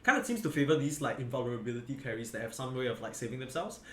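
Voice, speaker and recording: Racing along in a sing-song, medium-pitched voice, a yawning, tired man commentates an esports match casually, rambling with fillers and correcting himself partway through sentences. The room sounds echoey, with faint noise behind him.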